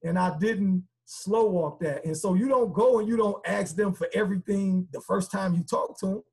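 Husky high-voiced man talking earnestly. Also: moderate pace, a little mellow. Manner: earnest, repetitive, conversational with filler words. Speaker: guest speaker. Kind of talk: casual podcast conversation.

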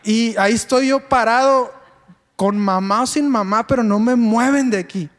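A man telling his testimony in a sermon, animated and asking the congregation questions. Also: extremely high pitch, moderate pace, big-room sound. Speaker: preacher giving his testimony.

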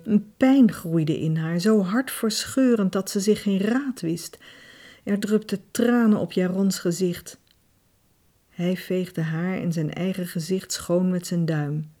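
Dark-voiced, husky woman narrating. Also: lowish voice, takes it slowly. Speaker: audiobook narrator. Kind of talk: scripted narration.

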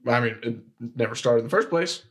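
A man's voice: mid-range voice, lively intonation, fairly quick. A young man, a podcast guest, telling a personal story in casual chat, full of restarts and filler words. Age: young adult. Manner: rambling, with frequent restarts and "like" fillers.

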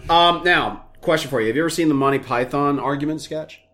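A man's voice: on the high side, fast, crowd noise. A young man hosting a casual podcast, telling long rambling stories full of vulgar jokes. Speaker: podcast host. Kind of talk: casual crude podcast banter.

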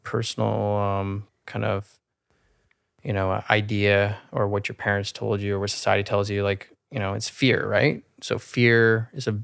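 A man's voice: fairly low pitch, little pitch movement, a little slow, vocal fry, a bit bright, clean tone, no room sound, clean studio sound. A man in his thirties, a guest on a podcast, talking casually and earnestly with many fillers. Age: 30s. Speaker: guest realtor.

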